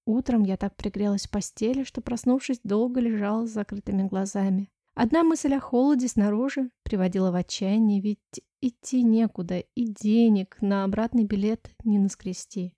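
A woman reading a first-person story aloud with soft, measured storytelling. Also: medium pitch, dry recording, studio quality. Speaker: audiobook narrator.

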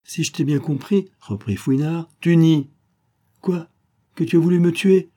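A man's voice: on the high side, unhurried, warm tone, pitched above the performer's own voice. A man voicing a cocky young male street sleuth who taunts his captive. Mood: mocking. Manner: taunting, teasing.

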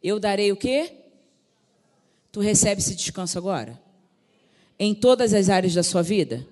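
A woman's voice: medium pitch, expressive, a little slow, darkish tone. A woman pastor preaching a sermon, fervent, calling out to the congregation. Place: large church sanctuary. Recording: reverberant church hall.

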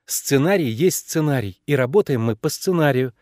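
A man's voice: mid-range voice, expressive, darkish tone, no room sound, studio quality, close to an everyday voice. A man voicing a precocious, bossy eight-year-old girl who presses her questions insistently. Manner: insistent, quick, conspiratorial questioning.

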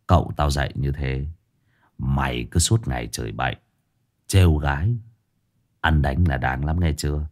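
A man's voice: moderate pace, long pauses. A man voicing a cold, threatening young male street fighter in a storybook tale. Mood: menacing. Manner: low menacing mutter.

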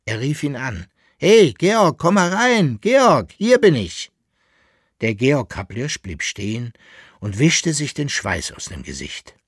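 A man reading a historical novel aloud in measured, expressive narration. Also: mid-range voice, husky, no room sound, clean studio sound. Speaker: audiobook reader. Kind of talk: literary reading.

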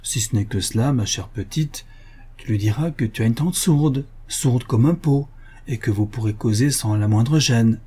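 Male reader as sly old aunt, over sixty, coaxing, husky and dark-toned. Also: medium pitch, moderate pace, lightly acted. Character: kindly old spinster aunt, sly, feigning deafness.

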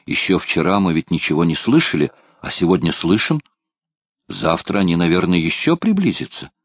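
A man's voice: low-pitched, animated, moderate pace, husky. A man reading an anxious, hopeful male prisoner who asks urgent questions.

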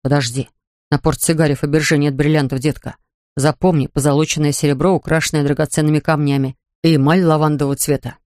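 A man's voice: a little high, little pitch movement, fast, a little mellow, dry recording, studio quality, pitched below the performer's own voice, natural voice. A man voicing an amorous, indulgent young lover. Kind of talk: audiobook character reading.

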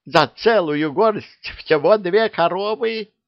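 Old storybook witch, quarrelsome and shrill, played by a man well above his own pitch. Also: big pitch swings, a little slow, no room sound. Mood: grumbling. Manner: shrill, squabbling. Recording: dull dry recording.

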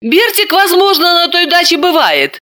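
A woman's voice: big pitch swings, moderate pace, bright, forceful tone, exaggerated voice. A woman voicing a hysterical, tearful young woman who wails her words. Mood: distraught. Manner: wailing, high-strung.

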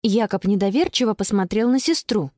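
A woman narrating a children's audiobook with expressive storytelling. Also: medium pitch, fairly quick, dry recording, studio quality. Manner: expressive storytelling, bright voice for the girl. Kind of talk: scripted narration.

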